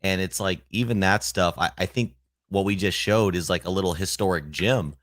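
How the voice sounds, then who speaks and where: A man hosts a casual podcast interview, full of enthusiasm and praise and speaking straight to viewers. His deep voice moves at a moderate pace with a fairly bright tone. The recording is dry and clean, with studio sound.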